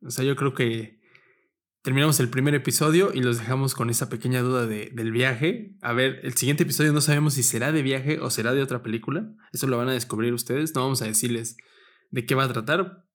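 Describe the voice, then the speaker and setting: A Mexican man bantering on his podcast in a playful, slang-heavy way, at a mid pitch for a man. He sounds casual and lively with his co-host. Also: fairly quick. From State of Mexico, Mexico. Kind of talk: casual chat.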